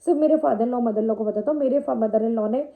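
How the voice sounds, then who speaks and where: A woman's voice: on the high side, fast, narrow, tinny audio. A young woman vlogger telling a personal story in Hindi mixed with English words, with many fillers.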